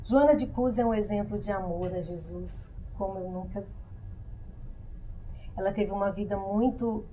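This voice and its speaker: A woman with a dark, mellow voice tells a religious story as a guest in a TV studio. She speaks softly and solemnly. A faint room ambience sits behind her. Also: mid-range voice, normal speed, long pauses, slight background noise, low-quality recording.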